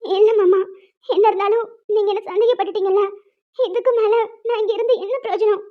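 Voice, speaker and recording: A woman's voice: very high-pitched, fast. A woman voicing a young village woman who pleads and cries when she is accused. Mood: tearful. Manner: pleading, tearful. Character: young village woman Kaviya, tearful, hurt. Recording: muffled lo-fi sound.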